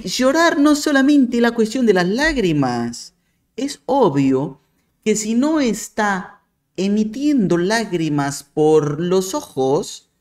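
A man delivers argumentative commentary straight to camera. He speaks slowly and with a sarcastic, mocking bite. His pitch rises and falls expressively as he presses his point. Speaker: video commentator.

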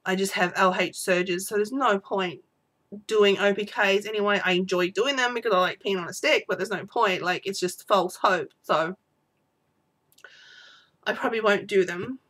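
A woman's voice: mid-range voice, normal speed, fairly bright tone. A woman vlogger talking in an unedited personal video diary, teary with her voice breaking, rambling and apologetic.

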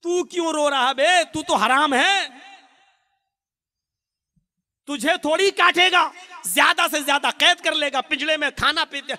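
A man's voice: very high-pitched, measured pace, pauses often, sharp tone, in a large hall, pitched above the performer's own voice, heavily acted. A man voicing a pigeon caught in a hunter's net, fretting and scolding a crow.

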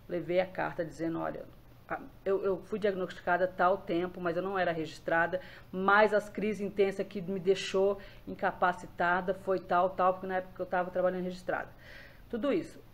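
A woman from Brazil speaking casually to her viewers about something she lived through. Her delivery is conversational and a little rambling, with restarts and repetitions. She leans in with "gente" and softens her voice when replaying dialogue. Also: lowish voice. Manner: chatty, repeats herself, addresses viewers as gente. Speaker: vlogger sharing her experience. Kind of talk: casual personal account to viewers.

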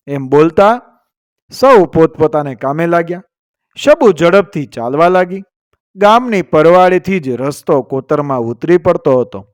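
A man narrating a village story in a steady, literary reading voice, reading the quoted lines as part of the telling. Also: fairly high pitch, no echo, studio quality.

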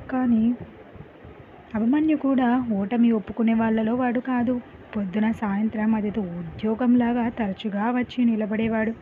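Woman narrating a story, first person, chatty asides, fairly high voice, phone-like lo-fi, faint hiss.

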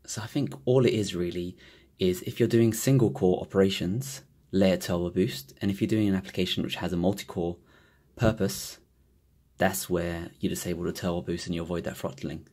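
Sitting at a monitor-lined desk at home, a young man hosts a relaxed tech vlog in a low voice at a moderate pace. He addresses the camera directly, chatting with enthusiasm and growing loud and giddy as his excitement builds.

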